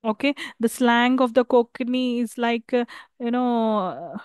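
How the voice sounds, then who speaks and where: A woman with an Indian accent gives a recorded university lecture in a slightly high, smooth and resonant voice. She explains haltingly, correcting herself and checking in with "okay". The sound is dry and close. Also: darkish tone, no room sound. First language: Telugu. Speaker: English lecturer.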